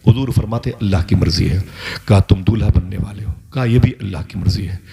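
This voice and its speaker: A man's voice: a little fast, creaky, mellow. A man preaching an emotional sermon, telling a story and voicing its dialogue dramatically while addressing the audience and scholars directly. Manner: dramatic, voices quoted dialogue with rising pitch. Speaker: Islamic preacher.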